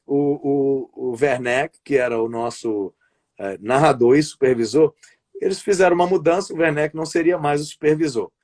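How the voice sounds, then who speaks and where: In a casual interview streamed live over a video call, a Brazilian wrestling commentator and play-by-play announcer talks at a moderate pace. His voice is mid-range with a darkish tone. He tends to ramble and restarts his sentences often.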